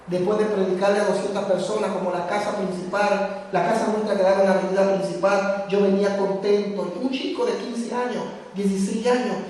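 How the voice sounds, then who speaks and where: A man's voice: sits high, steady tone, a little fast, hardly any pauses, darkish tone, a little hiss or hum. A man in his fifties preaching a sermon in a church, speaking with passion and turning straight to the congregation. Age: 50s. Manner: impassioned preaching, addresses the congregation directly. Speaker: pastor. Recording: very echoey church hall, mic far off.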